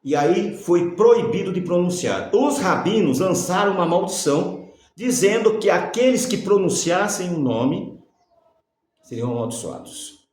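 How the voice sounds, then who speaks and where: Lively echoing male Bible teacher. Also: high voice, a little slow. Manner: asks rhetorical questions and answers them himself; dictates letters for viewers to write down. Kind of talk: religious teaching lecture. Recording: very echoey room.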